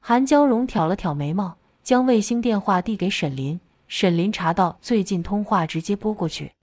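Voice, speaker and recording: A woman's voice: medium pitch, animated, moderate pace, a little mellow, dry recording. A woman reading a novel aloud as an audiobook narrator, giving the characters small shifts of voice.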